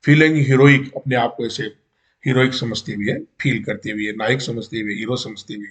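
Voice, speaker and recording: A man gives a college literature lecture. He reads English passages aloud slowly, then explains them in casual Hindi. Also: medium pitch.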